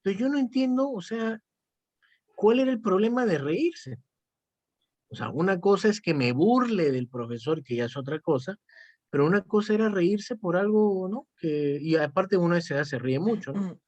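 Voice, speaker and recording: A man's voice: high voice, lively intonation, normal speed, a little mellow, no room sound, muffled recording. A man, a psychotherapist chatting reflectively and often tagging his sentences with "¿no?". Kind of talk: casual conversation.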